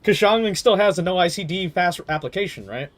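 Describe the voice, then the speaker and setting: A man streaming a game chats casually, rambling through his thoughts in slangy, stop-start speech with some swearing, as casual livestream gaming commentary. His voice sits high and sounds animated and brisk, with music playing behind it.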